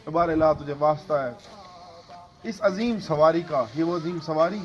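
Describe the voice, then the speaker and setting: A man's voice: on the high side, faint music behind. A man preaching a sermon of devotional storytelling and prayer, impassioned, with a chanting cadence in the prayers, at a gathering in a home. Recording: dull lo-fi recording.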